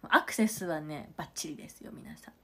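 A woman's voice: low-pitched, lively intonation, brisk, sharp tone, husky. A young woman from Nagano chatting casually on a livestream and thanking viewers for their comments between stories. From Nagano, Japan. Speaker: idol livestream host.

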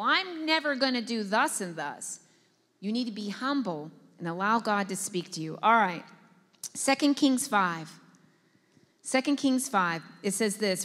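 A woman pastor teaching a Bible study sermon, telling stories in an animated way and acting out the quoted lines. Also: big-room sound. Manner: animated storytelling, acts out quotes with big pitch jumps. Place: church hall.

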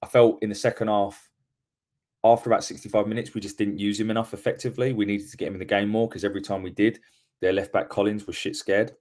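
Talking fast in a level, slightly mellow voice of fairly low pitch, a man runs a one-person football podcast after a match, filmed on a webcam at home. He's candid in his opinions and keeps repeating words as he fixes what he's said.

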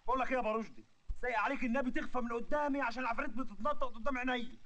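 An actor playing a loud, rustic village man in a comedy film, talking fast and shouting with an Egyptian accent. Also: very high voice. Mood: rowdy. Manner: shouting, rapid-fire.

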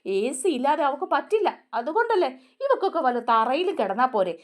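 A woman voicing a sharp-tongued older mother who mocks and scolds her son. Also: high voice, sing-song, moderate pace. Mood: scornful. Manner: mocking, scolding.

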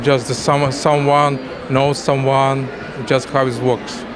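A middle-aged man from Ukraine with a Russian accent, giving halting interview answers in broken English as a painter. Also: mid-range voice, level tone. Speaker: exhibiting painter being interviewed. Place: indoor art exhibition booth. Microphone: interviewer's handheld microphone. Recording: noisy exhibition hall ambience.

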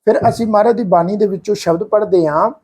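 A man with an earnest, explanatory manner, teaching the correct pronunciation of scripture and slowly chanting example lines. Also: high voice, a little mellow, slightly rough. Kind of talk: religious pronunciation lesson.

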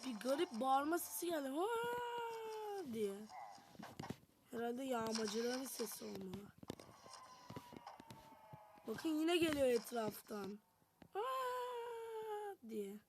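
A woman's voice: fairly high pitch, expressive, slow, long pauses, very noisy. A woman giving chatty commentary on a game as she plays, talking straight to her viewers. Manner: chatty, talks to viewers while playing. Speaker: gameplay narrator. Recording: music playing behind.

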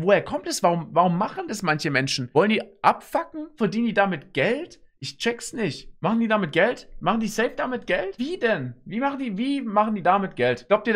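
A man with a fairly high voice comments casually as a reaction streamer. He talks in loose slang and tends to ramble. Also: fairly bright tone. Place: indoor room at a desk.

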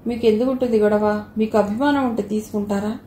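A woman reading the lines of a hurt young wife who pushes back at her husband, sharp and reproachful, in a storybook audio novel. The voice is mellow and warm, and it echoes in the room over a faint hiss. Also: mid-range voice, fairly even intonation, brisk, lightly acted. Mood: bitter.

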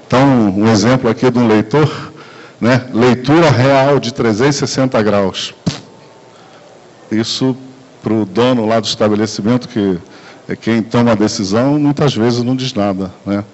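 Recorded by a far-off camera, this conference sales talk comes through as dull, lo-fi camcorder audio. The presenter, a man with a Brazilian Portuguese accent, uses a handheld mic in a large room and speaks at normal speed in a mid-range voice. His style is casual and chatty, full of fillers and tag questions.

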